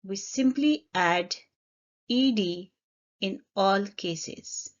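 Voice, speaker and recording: A woman teaching an English grammar lesson, speaking deliberately, spelling out letters and repeating each example. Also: medium pitch. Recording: slightly dull lo-fi recording.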